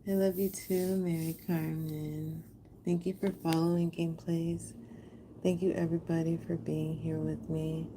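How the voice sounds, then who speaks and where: Making art on a livestream, this American woman from Houston speaks to her viewers directly in a warm, appreciative, affectionate way. She talks low, flat, and unhurried, and there's background noise in the recording.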